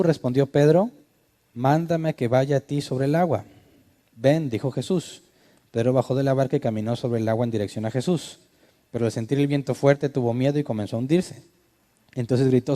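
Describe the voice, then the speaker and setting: A man's voice: medium pitch, mellow. A male pastor, teaching a sermon conversationally and asking his listeners questions. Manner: conversational, asks the audience questions.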